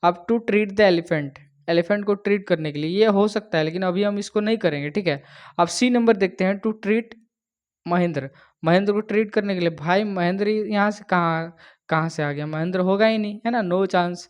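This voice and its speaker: A man's voice: high voice, normal speed. A male teacher walking students through exam questions, mixing Hindi and English and checking in after nearly every line. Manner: chatty, keeps checking "ठीक है", "है ना". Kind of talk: exam-prep lesson in Hindi-English mix.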